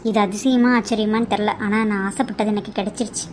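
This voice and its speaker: A woman voicing a humble, dutiful young bride in a cartoon drama, speaking in a soft, reassuring way. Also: mid-range voice, fairly even intonation, fast talker, a little hiss or hum, natural voice. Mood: grateful. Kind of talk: cartoon voice acting.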